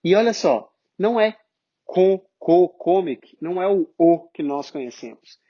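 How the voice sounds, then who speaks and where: A man with a Brazilian Portuguese accent teaching English pronunciation, explaining step by step and drawing out sounds slowly to demonstrate them. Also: a little high, animated, highs cut off. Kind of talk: online phonetics lesson.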